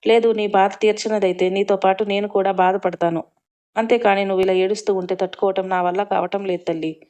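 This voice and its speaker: A woman's voice: mid-range voice, flat delivery, a little fast, mellow, natural voice. A woman voicing a tender, protective man who soothes and pleads with someone crying. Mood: soothing.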